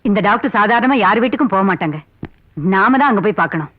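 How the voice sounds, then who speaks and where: A woman's voice: mid-range voice, animated, quick pace, dry recording, natural voice. An actress playing a strict, bossy landlady in a comic film, with a tinny, dry soundtrack. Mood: commanding. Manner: bossy, commanding.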